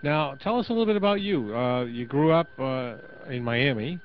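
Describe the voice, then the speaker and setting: A man's voice: mid-range voice, lively intonation, moderate pace. A man hosting a casual radio interview, friendly and joking, asking short questions. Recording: dull lo-fi radio audio with faint hiss.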